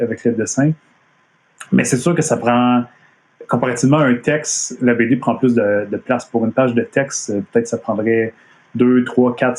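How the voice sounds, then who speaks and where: Montreal French man presenting from home, mid-pitched, casual, lots of hesitations. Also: darkish tone. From Quebec. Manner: hesitant, many fillers and restarts. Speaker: comic artist giving a talk. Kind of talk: casual live-streamed presentation. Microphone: computer mic on a video stream.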